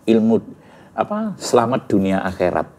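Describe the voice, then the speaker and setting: A middle-aged man recounts his story as an interview guest. His voice sits on the low side and he tells it earnestly, peppering his speech with words. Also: huge pitch swings, moderate pace, a little mellow. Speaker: guest giving a testimony. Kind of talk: emotional personal testimony interview.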